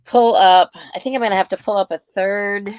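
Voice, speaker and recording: A woman's voice: mid-range voice, fairly even intonation, a little fast, smooth, dry recording. A woman hosting a casual live-stream book interview, heard over a phone. She talks in a chatty, upbeat way with many fillers and restarts. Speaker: host. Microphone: phone mic. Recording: dull, dry phone audio.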